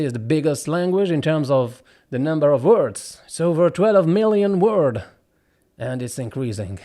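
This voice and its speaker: This slightly high-voiced man, a voiceover actor with Arabic as his first language, chats to camera about his craft in a darkish tone. His explanations are earnest, full of restarts and side remarks.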